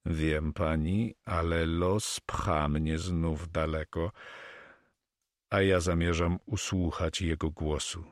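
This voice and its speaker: A man voicing a proud, brooding pirate captain in an audiobook, speaking slowly and solemnly. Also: low-pitched, fairly even intonation, dry recording, clean studio sound. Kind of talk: audiobook character reading.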